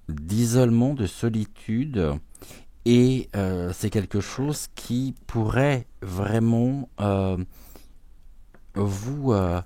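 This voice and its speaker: A man doing a live spiritual card reading, slow and halting with many pauses, sometimes talking aloud to an unseen guide as he draws cards. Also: medium pitch, darkish tone, no room sound. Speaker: tarot and oracle card reader.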